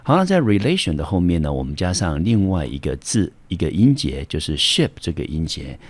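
A man's voice: low-pitched, sing-song, fairly quick, no room sound. A man teaching English vocabulary in Mandarin with a Taiwanese accent, explaining step by step with many fillers. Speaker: high school English teacher. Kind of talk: vocabulary lesson.

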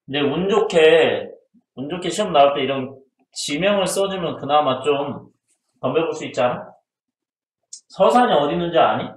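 A man's voice: on the high side, animated, normal speed. Guy teaching history for a test, chatty, keeps asking stuff then answering it, kinda echoey room. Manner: chatty, asks students questions and answers them himself. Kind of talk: casual exam-prep lecture. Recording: roomy echo.

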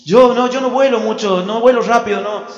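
A man's voice: high-pitched, fairly quick, natural voice. A man with an Argentine accent voicing a timid, stammering male angel messenger in a comic sermon story. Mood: nervous. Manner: stammering, hesitant. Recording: muffled echoey hall with piano.

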